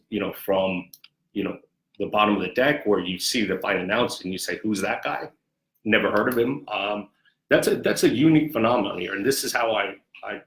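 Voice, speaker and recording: A man with a lowish, slightly bright voice answers interview questions as a sports executive. His speech is measured and conversational, and he often loops back over his own phrases. The recording has an echoey, roomy sound.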